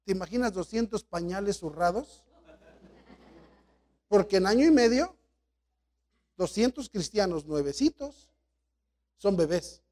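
A man preaching a sermon as pastor, swinging between loud exhortation and quiet storytelling asides. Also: high-pitched.

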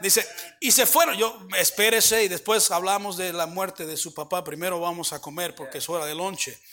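Man, pastor, very high voice, bilingual sermon, church sanctuary, call-and-response questions. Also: normal speed, a crowd in the background. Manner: reads scripture aloud with joking asides, switching between Spanish and English.

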